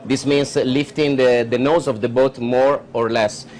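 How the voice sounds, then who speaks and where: A man's voice: medium pitch, steady tone, moderate pace, a little mellow. A man co-commentating a boat race, explaining technical points at length with many hesitations. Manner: explanatory, many uh fillers, non-native phrasing. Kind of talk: live sports commentary.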